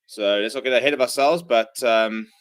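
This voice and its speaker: Casting: hungover male streamer, medium pitch, informal rugby watchalong chat and commentary. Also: normal speed. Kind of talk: casual livestream chat and live sports commentary.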